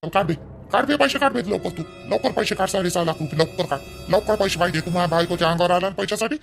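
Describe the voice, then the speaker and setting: A man playing an angry young son-in-law who demands money, shouting and rough. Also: high voice, fast talker, soft background music. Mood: demanding.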